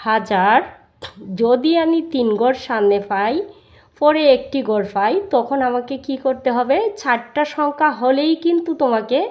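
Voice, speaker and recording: A woman's voice: high-pitched, a little mellow. A woman with a Bangladeshi Bengali accent teaching a primary school math lesson, explaining step by step and answering her own questions.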